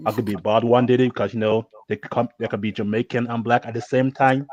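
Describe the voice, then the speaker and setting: A man introducing himself on a casual group podcast, relaxed and rambling, slightly high. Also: fast talker, no room sound. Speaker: podcast guest. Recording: dry, muffled call audio.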